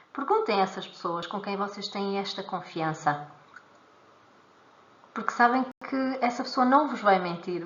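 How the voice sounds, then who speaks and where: A woman's voice: medium pitch, fairly bright tone, reverberant, highs cut off. A woman with a European Portuguese accent teaching a live stream on emotions, explaining step by step, repeating words and acting out little dialogues. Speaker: emotional freedom technique teacher.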